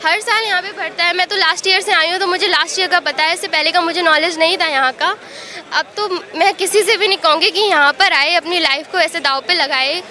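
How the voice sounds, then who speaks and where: A woman's voice: very high-pitched, brisk, sharp tone. A young woman from Uttar Pradesh, an exam aspirant giving a street interview outdoors at a protest, talking earnestly and upset in long runs. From Uttar Pradesh, India. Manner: earnest, upset, speaks in long runs mixing English words.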